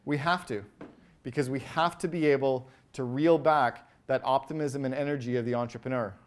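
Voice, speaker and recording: A man giving an energetic business keynote on stage, firing quick questions at the audience and rattling off lists. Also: mid-range voice. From Canada. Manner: animated, asks the audience quick questions, acts out quoted voices. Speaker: keynote speaker. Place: event stage before a live audience.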